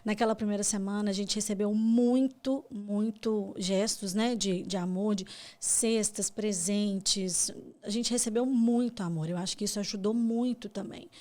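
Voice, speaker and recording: A Brazilian woman telling a personal story as a podcast guest, soft-spoken and halting, with repeated words. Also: mid-range voice, steady tone. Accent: Brazilian Portuguese.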